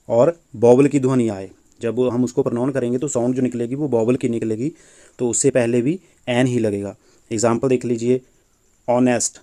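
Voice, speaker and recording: A man's voice: medium pitch, warm tone. A man teaching a grammar lesson, patiently explaining and repeating points with rhetorical questions.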